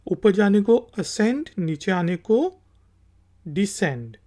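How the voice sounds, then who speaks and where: The voice is mid-range and dark, slow yet lively in intonation. A language teacher from Pakistan gives a patient lesson, repeating each word after spelling it out letter by letter.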